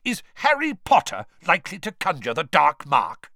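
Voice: medium pitch, wildly swooping pitch, a little slow, fairly bright tone, no echo, clean studio sound, voice pushed up, full character voice. A narrator voicing a decent middle-aged male wizard who defends others firmly and speaks kindly. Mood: angry. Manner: firm, then kind.

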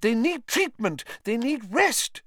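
A man voicing a fussy, stern woman school nurse in an audiobook reading, shrill and insistent. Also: wildly swooping pitch, slow, fairly bright tone, dry recording, clean studio sound, exaggerated voice. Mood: hysterical.

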